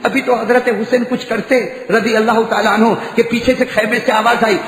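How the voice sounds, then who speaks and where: A male preacher telling a story in an impassioned sermon. He swings between shouted, high cries and low, hushed narration. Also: level tone, a little hiss or hum. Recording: echoey reverberant hall.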